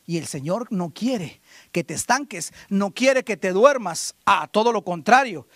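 A male pastor with a strikingly high voice preaches a lively sermon. He tells the story with drama, acting out voices and swinging from loud calls to hushed asides. The sound is dry and close. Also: a little slow, no echo.

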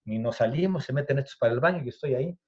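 Husky Mexican man in his fifties. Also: medium pitch, very fast, a little mellow. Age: 50s. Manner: vivid, acts out dialogue, swears freely. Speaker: guest, illusionist. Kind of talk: animated storytelling in conversation. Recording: dull lo-fi recording.

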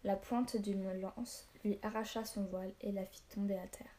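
Reading an adventure novel at a moderate pace, a woman narrates with steady storytelling in a mellow, warm voice of middle pitch. Now and then she slips slightly and backs up to correct herself.

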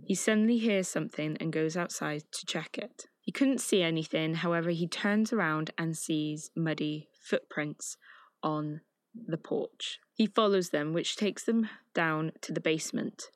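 A woman's voice: sits low, measured pace, dry recording, studio quality. A woman recapping a film's plot in a chatty, emotive way, often saying "like". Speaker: film reviewer. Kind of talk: casual film plot recap.

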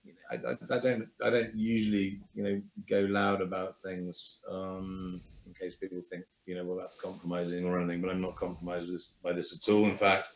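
Guy on a podcast, deep flat voice, lots of ums, echoey room. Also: brisk, gravelly, hardly any pauses. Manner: rambling, many fillers and restarts. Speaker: podcast guest. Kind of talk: casual interview talk.

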